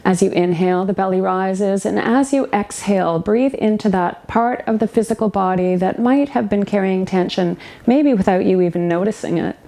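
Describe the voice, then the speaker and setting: This woman, a therapist serving as a yoga nidra relaxation guide, narrates the practice in a mid-pitched voice. Her instructions come softly and calmly, in a meditation teacher's style, with leisurely space between phrases.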